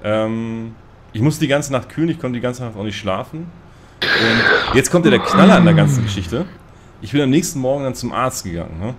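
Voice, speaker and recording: A man's voice: medium pitch, lively intonation, fairly quick, over a noisy crowd. A man casually telling a rambling, self-mocking story in a group voice chat, often laughing at himself. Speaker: gamer on a multiplayer voice chat.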